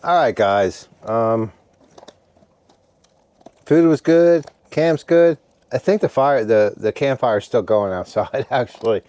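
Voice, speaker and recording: A tired, relaxed man chatting casually to his viewers from inside a heated tent at night, rambling and stopping to talk to his dog. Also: mid-range voice, takes it slowly, long pauses, clean tone, no room sound. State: tired after a meal. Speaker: camping vlogger. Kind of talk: casual vlog chat.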